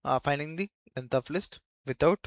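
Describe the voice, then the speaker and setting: A man giving a coding tutorial in a halting way, thinking aloud as he goes. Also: on the high side, vocal fry, dry recording. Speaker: programming tutor. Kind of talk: screen-recorded coding tutorial. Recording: dull lo-fi microphone.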